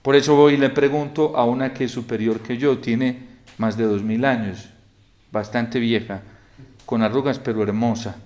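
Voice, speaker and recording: A male priest preaching a homily in a storytelling manner, often falling to a quiet hush. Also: mid-range voice, fairly even intonation, moderate pace. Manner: storytelling, drops to a soft hush in quoted lines.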